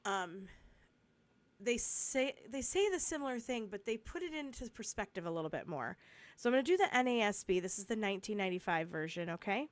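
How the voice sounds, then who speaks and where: A woman with a cold talks through a Bible study in a casual, chatty way. She rambles, doubles back on herself and adds asides. When she reads the verses she slows down to a careful, steady pace. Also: mid-range voice, no room sound. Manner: reads scripture slowly and steadily. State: congested with a cold, coughing.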